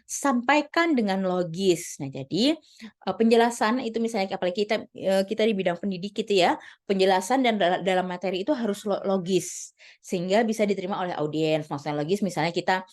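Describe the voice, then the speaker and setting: A woman's voice: mid-range voice, a little fast. A woman giving a casual spoken lesson on presenting, chatty, with many fillers and restarts. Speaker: lecturer giving presentation tips.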